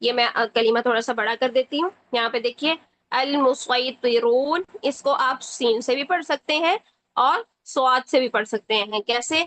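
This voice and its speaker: A woman teaching Quran reading in a step-by-step tajweed lesson, patient and repeating each word slowly for the learner. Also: high-pitched, a bit bright, poor audio. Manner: checks in often with short asides.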